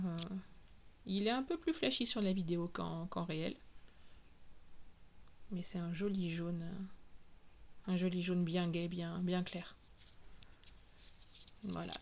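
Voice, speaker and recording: A woman talking casually through a product unboxing, spelling out each product name slowly and clearly. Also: lowish voice, lo-fi sound, a little hiss or hum. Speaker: nail product reviewer.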